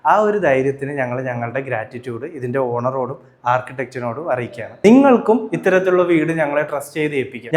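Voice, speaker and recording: A man with a Malayali accent presenting a home tour and demonstrating furniture in a sales-pitch manner. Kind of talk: product demo and home tour.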